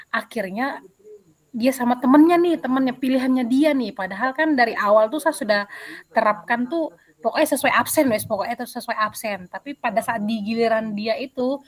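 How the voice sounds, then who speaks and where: A woman PE teacher answering interview questions over a video call, telling a story in an animated way with many fillers. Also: fairly high pitch.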